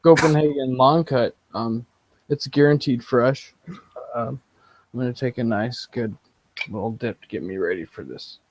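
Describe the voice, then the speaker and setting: A man's voice: medium pitch, normal speed, rough recording. A man co-hosting a podcast in casual chat, rambling with restarts. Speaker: podcast co-host.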